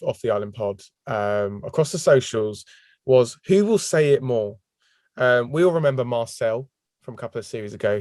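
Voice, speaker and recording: A man's voice: medium pitch, darkish tone, no room sound, studio quality. A man co-hosting a podcast in casual chat, laughing often as he talks. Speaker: podcast co-host.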